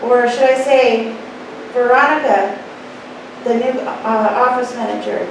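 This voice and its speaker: Speaking during public comment, a middle-aged woman who once managed a clinic presents a prepared complaint to the board in a deliberate, formal and emphatic style. Her slightly high voice is gravelly and holds a steady tone. The indoor meeting room sounds noisy and heavily echoey through the distant room microphone.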